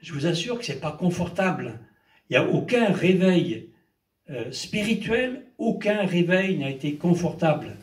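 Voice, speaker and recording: An older male pastor preaches in a fairly high voice, leaning hard on his points and calling out amen and hallelujah as he goes. He sounds a little away from the mic, and the church around him rings with echo. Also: lively intonation, measured pace. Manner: emphatic preaching, with repeated amens and hallelujahs. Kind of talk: sermon. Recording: echoey church hall, mic at a distance.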